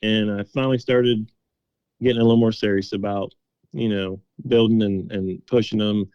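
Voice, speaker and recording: A man's voice: lowish voice, steady tone, moderate pace, clean tone, no echo, lo-fi sound. A middle-aged man being interviewed, telling stories in a folksy, casual, conversational way. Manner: folksy, quotes past conversations as dialogue. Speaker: interview guest, game call maker.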